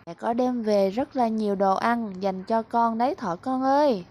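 Woman doing a mother rabbit, loud and motherly, storybook reading. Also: sits high, lively intonation, unhurried, slight background noise, pitched above the performer's own voice. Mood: calling. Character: caring anxious mother rabbit.

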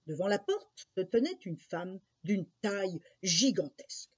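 A woman narrating a children's fairy tale in an expressive, unhurried storybook style. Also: mid-range voice, breathy edge. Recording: dull lo-fi recording.

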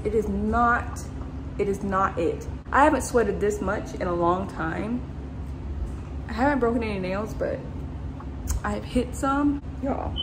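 A young woman in her twenties chatting casually on a vlog in an empty apartment, speaking into a phone held at arm's length, upbeat and full of quick asides. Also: fairly high pitch, background noise. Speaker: vlogger. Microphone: phone camera held at arm's length.

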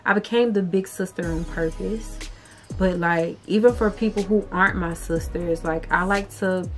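Chatty young woman, soft music. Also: fairly low pitch, steady tone, moderate pace. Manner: chatty, heartfelt, says "y'all" and "okay". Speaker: beauty vlogger. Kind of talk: casual chat to camera.

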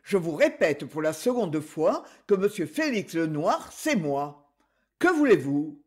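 A grumpy, curt man who speaks in peremptory tones, as a woman narrator puts him on. The delivery is slow and a bit breathy, with pitch that rises and falls widely. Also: big pitch swings, heavily acted. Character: gruff, curt middle-aged Parisian man.

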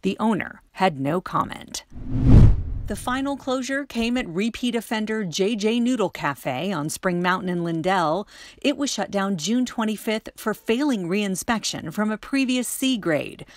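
Middle-aged woman news reporter, scripted voice-over, crisp steady read, dry booth sound. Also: medium pitch, unhurried, no room sound. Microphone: studio voice-over mic.

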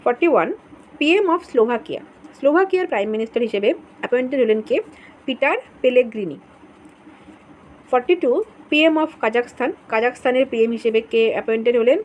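A woman teacher runs through an exam-prep list in a patient, repetitive way. Her voice sits a touch high, and she poses questions only to answer them herself. A faint room ambience hums behind her. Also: fairly quick, long pauses, a little mellow, a little hiss or hum, low-quality recording. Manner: explains patiently, repeats names, asks and answers own questions. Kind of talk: exam-prep current affairs lesson.

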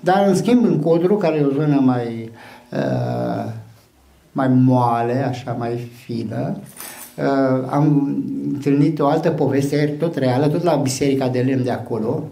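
A man's voice: mid-range voice, animated, creaky, mellow, roomy sound. A man in his sixties hosting the event, telling anecdotes in a hesitant way full of fillers. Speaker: event host. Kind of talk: storytelling speech. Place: small hall with a banner backdrop. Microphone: mic on a stand.

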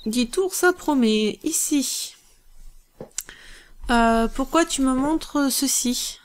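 A woman hosting a let's play, thinking aloud through strategy gameplay in a musing, hesitant way with many pauses. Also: sits high.

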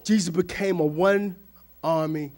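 High-voiced fervent male preacher. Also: steady tone, measured pace. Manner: fervent preaching with call-and-response; swings between shouting and near-whispering. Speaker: pastor. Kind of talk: sermon.

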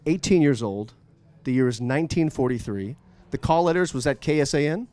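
A male radio host conducts an interview. He asks his questions eagerly and with emphasis. His voice sits at a middle pitch. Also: lively intonation, a little fast, a little mellow, no echo. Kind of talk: enthusiastic interview. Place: at a live event.

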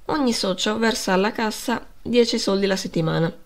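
A woman's voice: medium pitch, fairly quick, natural voice. A woman reading as a tearful earnest schoolboy. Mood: pleading. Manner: pleading, earnest.

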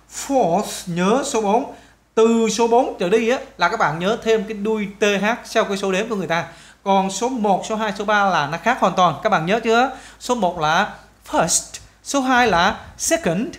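A man with a Vietnamese accent teaching an English lesson, patiently repeating words slowly for students to copy. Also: sits high, fairly bright tone. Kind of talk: explaining English grammar to students.

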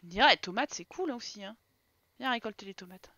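A woman's voice: mid-range voice, lively intonation, fast, sharp tone, husky, no room sound. A woman streaming a life-simulation game live, chatting with viewers and laughing as she reacts to what happens on screen. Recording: dry, slightly dull sound.

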